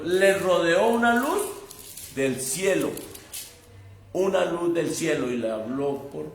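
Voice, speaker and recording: High-voiced preacher in an echoey room. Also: male voice. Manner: conversational, emphatic, addresses listener directly. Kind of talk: sermon.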